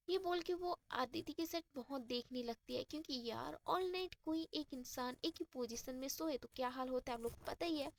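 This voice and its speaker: A young woman narrating a romance story casually, chatty and addressing her listeners, mixing Hindi with English. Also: high-pitched.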